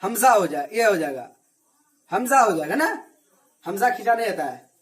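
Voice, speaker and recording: A man teaching an Arabic reading and religious lesson to children. He asks questions, answers them himself, and repeats each point slowly. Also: high-pitched, very animated. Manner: slow, repetitive drilling.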